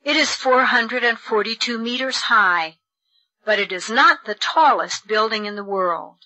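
A slow, bright woman reading lesson lines. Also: fairly high pitch, no room sound, rough recording. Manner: slow, precise enunciation for learners. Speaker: textbook audio reader. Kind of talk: slow, clear textbook reading.

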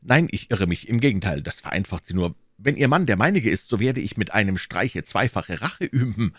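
A man voicing a bold, quick-tempered young swordsman in an audiobook, brash and exclaiming. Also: lowish voice, animated, no room sound, clean studio sound, voice pushed up. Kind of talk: audiobook reading.

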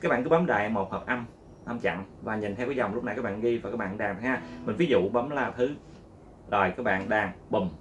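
A man's voice: lowish voice, a little fast. A man teaching a casual guitar lesson, patiently repeating steps and calling out each strum with sound words. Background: guitar playing.

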